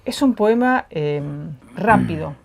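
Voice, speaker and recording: A woman, co-hosting a poetry program, reading poems aloud and discussing them in a measured, reflective way. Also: mid-range voice, lively intonation. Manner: reflective, measured, frequent tag questions.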